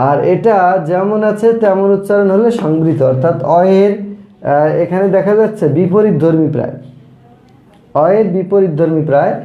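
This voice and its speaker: A man teaches grammar slowly and patiently, going over each point twice and answering his own questions. His voice sits fairly high for a man. The recording is dull and lo-fi, with a roomy echo. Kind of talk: slow classroom grammar lesson.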